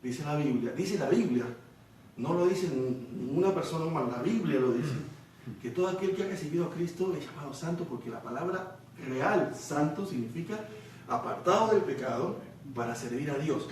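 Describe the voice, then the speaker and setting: A man's voice: fairly high pitch, animated, moderate pace, darkish tone, a little hiss or hum. A man preaching a Bible study sermon, explaining verses and checking in with his listeners with frequent rhetorical questions. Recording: echoey room, voice from a distance.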